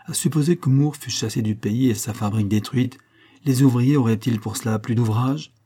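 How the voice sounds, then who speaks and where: A frank, spirited young heiress, voiced by a man reading a storybook. The tone is lifted a little and questioning. The voice underneath stays dark and husky. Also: medium pitch, normal speed, close to an everyday voice. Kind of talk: audiobook character reading.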